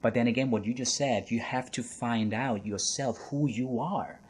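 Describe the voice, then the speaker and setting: German male podcast host, husky, earnest, repeats himself while thinking. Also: mid-range voice, normal speed, a little mellow. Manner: earnest, repeats words when searching. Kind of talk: casual interview chat.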